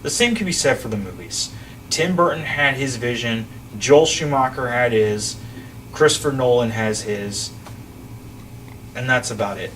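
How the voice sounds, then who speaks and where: A man's voice: medium pitch, lively intonation, unhurried, a bit bright. Rambling man on a distant mic. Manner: rambling, restarts sentences, chuckles. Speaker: podcast host. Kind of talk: casual chat about films. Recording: distant mic with faint ambient noise.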